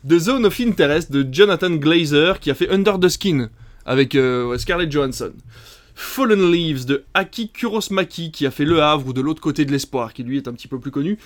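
A man's voice: a little high, animated, normal speed. Chatty male film podcast host. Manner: reads lists of titles, hesitant with many fillers. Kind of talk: casual film podcast chat.

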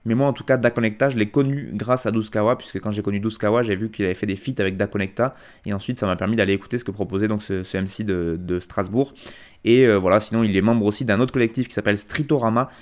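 A man's voice: fairly low pitch, fairly even intonation, fast talker. A man hosting a rap radio show, chatting casually with many fillers and restarts.

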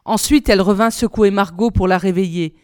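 A woman reading a fairy tale aloud in a measured, expressive storybook style. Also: mid-range voice, smooth, dry recording, clean studio sound. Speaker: reader.

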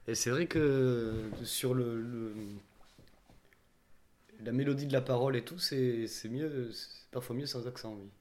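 A man's voice: medium pitch, fairly even intonation, a little slow, darkish tone, slight background noise. Chatty young man, frequent restarts. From southern France. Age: 20s. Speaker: young worker interviewee. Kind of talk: casual interview answers.

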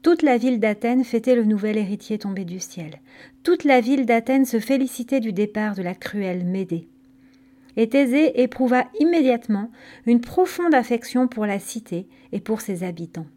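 Woman telling a myth story, gentle and mellow. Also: fairly high pitch, animated, normal speed. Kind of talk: scripted narration of a children's myth story.

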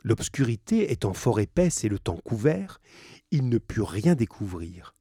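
A man reads a novel aloud, slowly and with a lively, wide-ranging pitch. His voice is low and husky, and he pauses to restate difficult words simply. The sound is close and dry. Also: no echo. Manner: pauses to restate hard words in plain terms. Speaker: reader of a novel.

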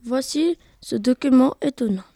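A woman's voice: sits high, moderate pace, warm tone, no echo, studio quality. A woman narrating a short comic story in an earnest, plain read-aloud manner for an amateur web radio piece.

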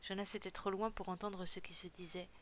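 A woman narrating an audiobook story in a steady, even storytelling manner. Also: medium pitch, fairly quick, slight background noise.

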